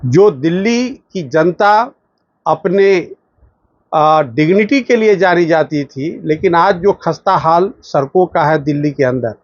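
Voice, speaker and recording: A man speaking as a lawyer in formal political commentary to a news channel, emphatic, with pauses and fillers. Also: fairly high pitch, expressive, dry recording, highs cut off. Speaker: lawyer giving a statement.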